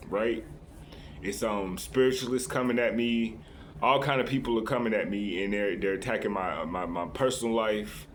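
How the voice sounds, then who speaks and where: Here a mid-range male voice comes through with a bit of hiss or hum. He's a vlogger chatting to his viewers off the cuff, sincere and confiding, frequently starting over and ending lines with "right?"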